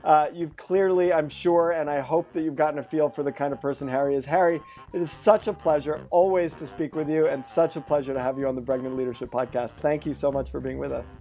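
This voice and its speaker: A man's voice: steady tone, fast, hardly any pauses, warm tone. A male podcast host closing an interview and reading a scripted outro. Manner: friendly, then smooth read-out pitch.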